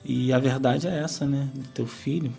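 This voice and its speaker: Gravelly consoling man. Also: medium pitch, steady tone, moderate pace, warm tone, soft background music. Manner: consoling, keeps adding "né?". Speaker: radio program host. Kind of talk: pastoral interview conversation.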